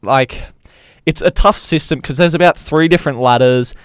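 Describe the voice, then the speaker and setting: A man's voice: a little high, normal speed, clear, resonant tone, no echo, studio quality. An Australian man co-hosting a sports podcast, giving casual chat and match recaps.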